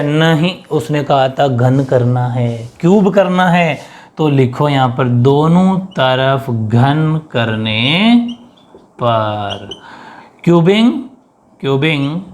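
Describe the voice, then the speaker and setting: A man teaching a maths lesson, mixing English terms into his speech and asking and answering his own questions. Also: a little high.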